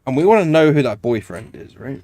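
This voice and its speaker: A man's voice: mid-range voice, very animated, a little fast, a little mellow, no room sound. A man giving casual let's play commentary, thinking aloud and often checking himself with tag questions. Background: game music.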